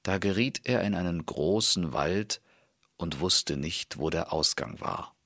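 A man reading a fairy tale aloud in a calm, measured storytelling manner. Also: low-pitched, gravelly, a little hiss or hum.

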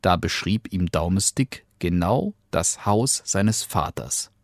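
A man reading a fairy tale aloud as narrator, in a calm, unhurried storytelling manner. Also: sits low, creaky, no room sound, clean studio sound.

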